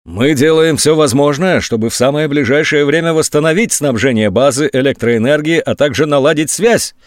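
A man's voice: on the high side, normal speed, no room sound, voice pushed up, lightly acted. Male reader as a subdued colonel, reluctant tone, dry recording. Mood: glum. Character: downcast, cornered middle-aged male colonel.

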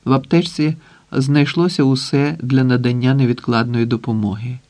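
Male audiobook narrator, steady reading. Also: medium pitch, moderate pace. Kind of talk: scripted narration.

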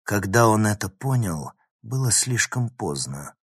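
A man's voice: lowish voice, a little slow, slightly rough, dry recording, studio quality. A man reading a dramatic story aloud as narrator. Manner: dramatic reading, animated phrasing. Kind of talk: audiobook narration.

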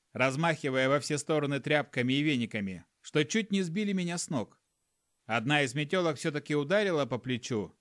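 A man's voice: on the high side, no echo, studio quality. Sardonic male audiobook narrator. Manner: brisk, sardonic, acts out lines.

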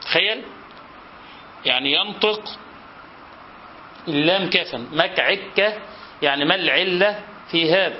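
A man's voice: on the high side, normal speed, pauses often, lo-fi sound, slight background noise. A man with an Egyptian accent, a sheikh teaching a classical literature class, who reads from the text and patiently repeats each example to explain it. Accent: Egyptian Arabic.

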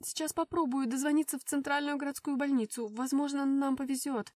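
A woman voicing the narrator's excitable young sister, who turns breathless and shrill when alarmed. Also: fairly quick, no room sound, far from the mic, close to an everyday voice. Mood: flustered.

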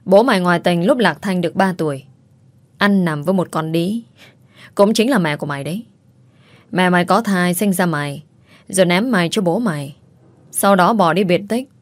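A woman's voice: fairly low pitch, normal speed, pauses often, no echo, natural voice. A woman voicing a furious, spiteful middle-aged stepmother who screams insults, in a storybook reading.

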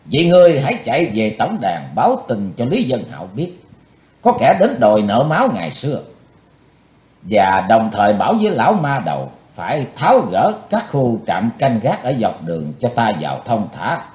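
A man's voice: medium pitch, sing-song, moderate pace, a little mellow, voice pushed up, natural voice. A man voicing a cold, ruthless young male swordsman who gives icy, commanding threats. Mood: cold, menacing. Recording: roomy echo.

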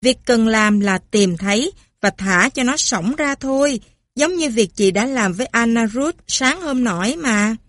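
A woman's voice: fairly high pitch, lively intonation, unhurried, no room sound. A woman voicing a cheerful mother who tells stories theatrically. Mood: animated.

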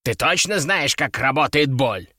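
A man voicing a grumbling, sardonic male talking parrot in an audiobook, a bit lower and slower than his narration. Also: lively intonation, bright, forceful tone, no room sound, studio quality. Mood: wry. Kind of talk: audiobook character voice.

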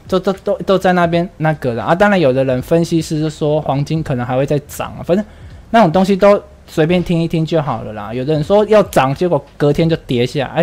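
Blunt and ranting, a man with a Taiwanese Mandarin accent hosts a laid-back livestream, cursing openly while he responds to viewer comments. He speaks in a slightly high, slightly mellow voice.

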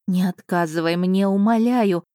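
An ancient female spirit of an island pleads in a slow, solemn audiobook voice, put on by a woman narrator. The tone is mellow and dark, recorded close and dry. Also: medium pitch, no echo, natural voice. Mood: tearful imploring. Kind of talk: audiobook reading.

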